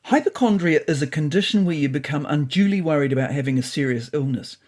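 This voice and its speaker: A woman voicing an opinionated male stranger who lectures in a brusque, unsympathetic way, with a breathy voice. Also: deep voice, animated, fast talker, a little mellow. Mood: lecturing. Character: blunt know-it-all male stranger.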